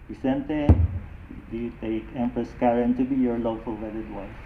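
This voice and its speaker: A man officiating a wedding, putting formal vow questions in deliberate phrases. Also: mid-range voice, steady tone. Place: wedding ceremony, over a sound system. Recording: echoey, thin phone-like sound, faint noise.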